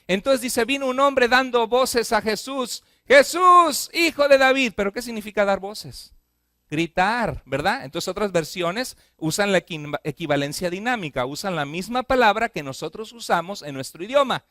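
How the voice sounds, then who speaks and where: A pastor preaches a sermon to his church in a fairly high, expressive voice with a fairly bright tone. He often turns to the congregation with questions, speeds through repeated lists, then slows to drive points home. The sound is dry and close, with little room echo.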